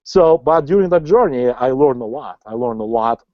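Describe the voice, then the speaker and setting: An online marketing coach in his forties, a non-native English speaker, runs a motivational sales webinar and keeps closing lines with "right?". He sounds animated, mid-range in pitch at normal speed, on slightly dull lo-fi audio with no echo.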